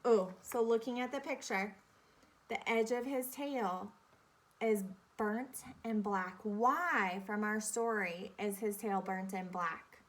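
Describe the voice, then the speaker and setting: In the role of an elementary teacher, a woman with a medium-pitched voice guides young children through an interactive read-aloud. Her approach is deliberate and instructive, with repeated key phrases and questions.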